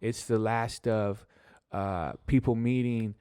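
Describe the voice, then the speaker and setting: Smooth-voiced easygoing man in his forties. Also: on the low side, fairly even intonation, slow pace, dark tone, dry recording, studio quality. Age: 40s. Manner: easygoing, rambling, says "dude" and "man". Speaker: podcast guest, stand-up comedian. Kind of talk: casual podcast chat.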